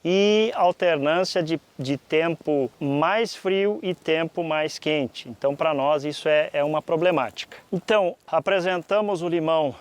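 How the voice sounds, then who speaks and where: A man with a southern Brazilian accent and a slightly high-pitched voice talks as a teacher would. He explains things to viewers deliberately, often pausing mid-sentence to find the next phrase. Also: clear, resonant tone. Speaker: presenter of a fruit-growing lesson.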